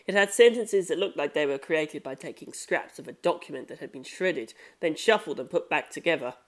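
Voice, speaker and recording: Reading from a script, this audiobook narrator tells a story in a voice of medium pitch. The manner is measured and full of expression.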